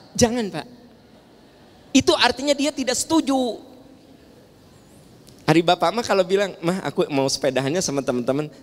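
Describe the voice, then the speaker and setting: A man's voice: very high voice, a bit bright. A man with a Sundanese accent giving a playful, teasing sermon in a large mosque, joking with the audience and asking them questions. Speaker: preacher. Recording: long hall reverb in a large mosque.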